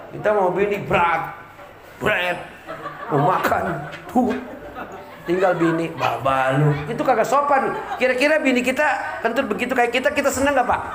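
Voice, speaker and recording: A man preaching a humorous sermon, joking with the congregation and acting out quoted voices. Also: high-pitched. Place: community religious gathering. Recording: echoey room with crowd laughter.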